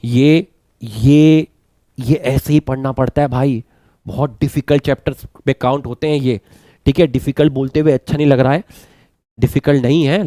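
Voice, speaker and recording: A man teaching biology, slowly dictating and repeating phrases for students to write down, mixing terms into his talk. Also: on the high side, a little mellow, no room sound. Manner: repeats phrases slowly for note-taking, mixes English terms. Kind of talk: lecture, dictating notes.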